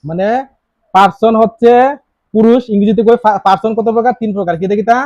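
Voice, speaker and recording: High-voiced male grammar teacher. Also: steady tone, fast, a little mellow, no echo. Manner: asks students many rhetorical questions; repeats key words. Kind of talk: classroom grammar lesson. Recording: dry, slightly dull lo-fi sound.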